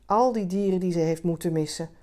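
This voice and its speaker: A woman reads a literary short story aloud in a calm and measured manner. Her voice is slightly low, and the pace stays steady and even. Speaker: reader.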